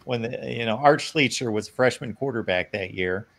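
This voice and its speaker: A man in casual sports chat, an animated storyteller who leaps up in pitch when quoting others. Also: normal speed, vocal fry.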